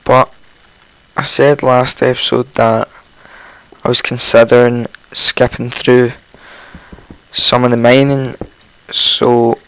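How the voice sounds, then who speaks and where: A man with a croaky morning voice, casually commentating his own game, rambling and chatty with frequent ums and self-corrections. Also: medium pitch, a bit bright, dry recording, low-quality recording. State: just woken up, morning voice. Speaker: let's play host.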